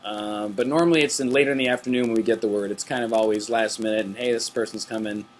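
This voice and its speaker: A man's voice: lowish voice, fairly even intonation, quick pace, slight background noise. Easygoing man hosting a backstage webcast. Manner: easygoing, chatty, laughs between questions. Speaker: webcast host. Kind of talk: casual backstage chat reading viewer questions.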